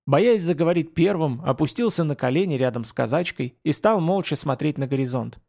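A man reading a historical adventure novel aloud at a steady, descriptive pace. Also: on the high side, brisk, gravelly. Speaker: audiobook narrator. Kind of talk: storybook narration.

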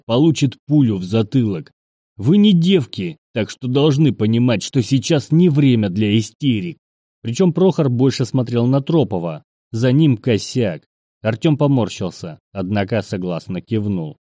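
Low, dark-voiced male audiobook narrator. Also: dry recording, studio quality. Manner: steady, measured, voices characters with shouts. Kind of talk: scripted narration.

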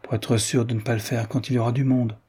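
A man's voice: mid-range voice, little pitch movement, fast, mellow, husky. A man reading the part of a proud young aristocratic Parisian wife who answers in reserved, clipped replies. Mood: cool.

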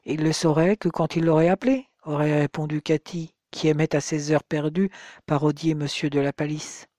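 An audiobook narrator calmly reading a novel on a close microphone. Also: medium pitch, moderate pace, dry recording.

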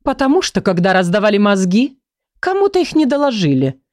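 A woman's voice: mid-range voice, animated, moderate pace, darkish tone, no echo, clean studio sound, lightly acted. A woman voicing a sarcastic, scoffing female chronicle book. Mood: mocking.

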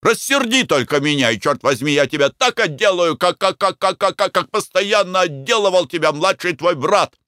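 A man's voice: high voice, expressive, moderate pace, sharp tone, dry recording, clean studio sound, pitched above the performer's own voice. A man voicing a proud, hot-headed young man who speaks in a heated, declamatory way.

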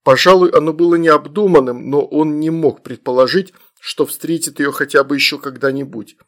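A man narrating a humorous fantasy audiobook with lively character reading. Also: fairly high pitch, normal speed.

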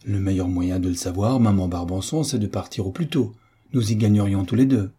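A man's voice: fairly low pitch, a little fast, mellow, slightly rough. A man voicing a patient, good-natured old army veteran with a dry way of speaking.

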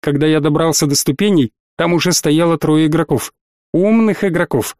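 Audiobook narrator, male, slightly high voice, dry close sound, measured delivery. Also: a little mellow, no echo. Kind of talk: first-person scripted narration.

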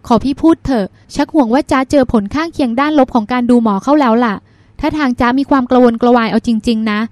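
A woman reading the lines of a calm, wise older sister who soothes and gives advice. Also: a little high, fast, dry recording, natural voice. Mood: advising. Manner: soothing, advising, gently teasing. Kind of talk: audiobook character reading.

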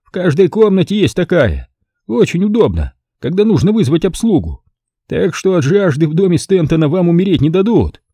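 A man doing a gleeful, smug club owner, pitched high. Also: sing-song, moderate pace, warm tone, slightly rough, no room sound, heavily acted. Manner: gleeful, condescending, boastful. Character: playful, smug middle-aged male club owner. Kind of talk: audiobook character voice.

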